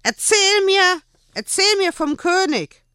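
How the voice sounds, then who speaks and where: A man voicing an excitable, stubborn little boy who whines and makes demands. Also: very high voice, unhurried, dry recording, clean studio sound, pitched above the performer's own voice, exaggerated voice. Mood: angry, sulky. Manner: whiny and demanding.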